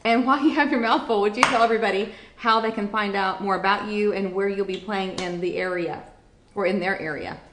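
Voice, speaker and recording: A woman's voice: medium pitch, brisk, a bit bright, a little hiss or hum. A woman hosting a cooking segment, chatting in a bubbly, upbeat way. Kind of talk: casual cooking show chat. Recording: roomy studio sound.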